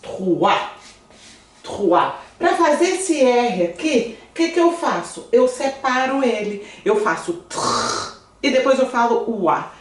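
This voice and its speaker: A woman's voice: fairly high pitch, echoey room, far from the mic. A Brazilian woman, a native Portuguese speaker, teaches French pronunciation in a casual online lesson, coaxing her students and exaggerating each mouth shape.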